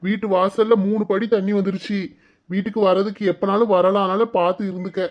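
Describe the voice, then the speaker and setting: A man playing a calm, matter-of-fact husband. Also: high-pitched, quick pace, natural voice. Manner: plain, steady. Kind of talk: cartoon voice acting. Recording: dull lo-fi recording.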